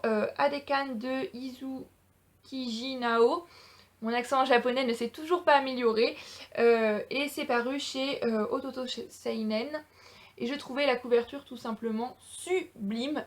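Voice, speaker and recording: A woman's voice: high voice, normal speed. A young woman with a French accent, chatting enthusiastically on a casual book haul vlog, with frequent hesitations. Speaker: booktuber.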